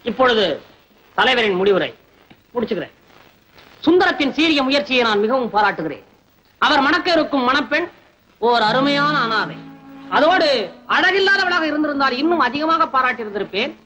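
A pompous chairman sneers through a formal speech in a very high, sharp voice. He sounds a little distant on the old soundtrack, over faint noise. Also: big pitch swings, moderate pace, pauses often, exaggerated voice. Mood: mocking. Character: pompous club chairman giving a mocking speech.

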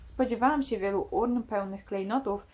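A woman's voice: medium pitch, normal speed, darkish tone, natural voice. A woman reading the lines of a disappointed young woman who was hunting treasure, from a novel. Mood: disbelieving. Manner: read aloud from a novel, lightly voiced.

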